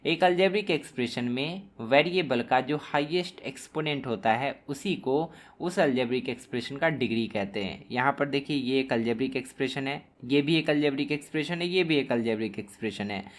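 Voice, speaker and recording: Man teaching maths, slow and deliberate. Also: medium pitch. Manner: slow, deliberate, dictating terms as he writes. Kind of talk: classroom lesson explaining at a board.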